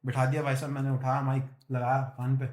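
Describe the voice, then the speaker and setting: A young man telling a story from his own life on a podcast. He talks in a lively, casual way, mimics the people he quotes, swears freely and often laughs as he speaks. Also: mid-range voice, quick pace. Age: young adult. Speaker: podcast guest. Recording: echoey room.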